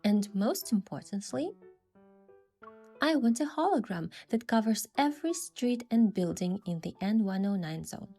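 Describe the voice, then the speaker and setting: With music in the background, a woman tells a scripted first-person story for a game event, acting out the dialogue as its narrator and lead. She speaks in a warm, expressive mid-range voice, a little slowly.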